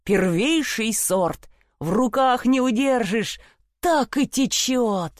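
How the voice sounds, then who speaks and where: A woman's voice: a little high, expressive, slow, no echo, clean studio sound, pitched above the performer's own voice. A woman doing a whooping, cheerful peasant lad. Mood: rowdy glee. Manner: boisterous, whooping, boastful. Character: cheerful simple-minded young peasant lad.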